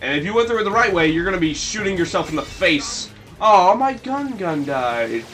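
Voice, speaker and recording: A goofy young-sounding man rambles through his gameplay commentary in a high, light voice, jumping between jokes and sudden shrill yelps. Faint game music plays under him. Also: big pitch swings, normal speed, fairly bright tone. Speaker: let's play commentator.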